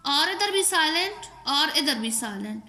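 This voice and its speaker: Female teacher, slow and deliberate, bright tone, echoey room. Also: high-pitched, animated. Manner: spells out words and repeats them slowly. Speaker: English pronunciation teacher. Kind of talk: slow spoken lesson.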